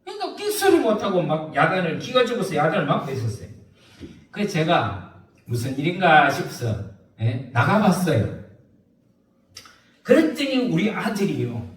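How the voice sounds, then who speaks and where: A man preaching a sermon as a pastor, telling a story with lively rhetorical questions. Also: sits high, moderate pace, echoey room, distant mic.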